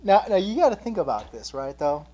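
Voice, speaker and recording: A man's voice: high-pitched, big pitch swings, fairly quick, mellow. Jokey man chatting on a show. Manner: jokey, laughs a lot, goes off on tangents. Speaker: co-host. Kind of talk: casual chat while building a toy set.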